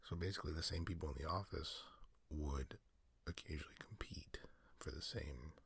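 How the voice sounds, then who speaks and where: A man mumbling a rambling personal story in ASMR style, in a breathy, husky whisper with gravelly fry. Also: a bass voice, moderate pace, fairly bright tone. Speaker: storyteller recounting personal experience.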